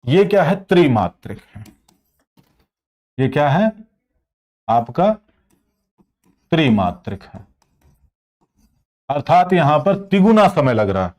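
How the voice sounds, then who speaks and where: A man's voice: fairly high pitch, sing-song, slow pace, long pauses, darkish tone. A man teaching an online exam-prep class. He explains patiently, asks the class questions and then answers them himself. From India. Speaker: Hindi teacher.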